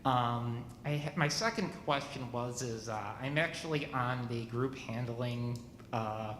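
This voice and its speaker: A man in his forties asking a new minister questions at a church meeting, halting and often restarting his sentences. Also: medium pitch, fairly bright tone, reverberant, big-room sound, a little hiss or hum. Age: 40s.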